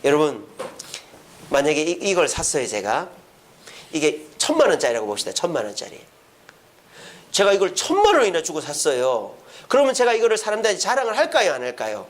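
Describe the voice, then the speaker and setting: A man's voice: fairly high pitch, a little fast, pauses often. A man preaching as a pastor at a church prayer service, posing questions to the congregation and answering them himself. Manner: acts out quoted speech in lively voices. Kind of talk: sermon.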